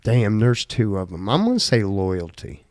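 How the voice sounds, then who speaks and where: A man's voice: fairly low pitch, big pitch swings, moderate pace, a little mellow, a little hiss or hum. A man with a slight Southern twang, hosting a casual podcast chat and reading quiz questions aloud in a laid-back way that includes casual swearing. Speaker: podcast co-host.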